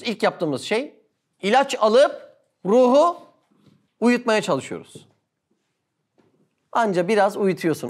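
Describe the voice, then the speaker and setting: A man giving an animated religious sermon talk, full of rhetorical questions and exclamations. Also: high-pitched.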